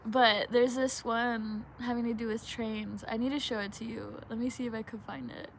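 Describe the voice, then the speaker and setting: A woman's voice: fairly high pitch, flat delivery, normal speed, vocal fry, slight background noise. A woman rambling in casual chat with a giggly stoner drawl, often losing her thread. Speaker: vlogger.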